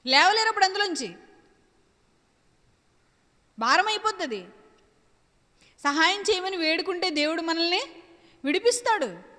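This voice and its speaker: A woman's voice: very high-pitched, expressive, moderate pace, pauses often, bright, forceful tone, big-room sound. A woman preacher delivering an emphatic sermon, repeating her phrases and asking and answering her own questions.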